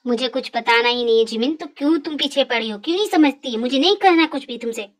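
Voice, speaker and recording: A woman's voice: high-pitched, fast, pitched below the performer's own voice, natural voice. A woman voicing an aloof, irritable young male musician in a fan dub drama, cold and terse. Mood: irritated.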